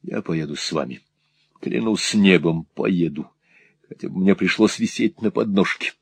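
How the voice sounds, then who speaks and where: A man voicing an indignant, hot-headed young gentleman in an audiobook, speaking with fierce defiance. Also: low-pitched, moderate pace, vocal fry, breathy edge, dry recording, heavily acted. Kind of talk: audiobook character voice.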